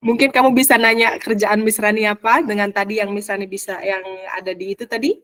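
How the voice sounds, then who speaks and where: This Indonesian-accented woman speaks quickly in a mid-range voice while running a role-play in her online English lesson. Her manner is lively, and she mixes Indonesian into her English throughout.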